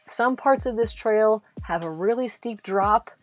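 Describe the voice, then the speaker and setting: A woman with a mid-range voice talks a little slowly as she delivers a casual, supportive instructional voice-over for a travel vlog. She speaks right to the listener, and music plays in the background.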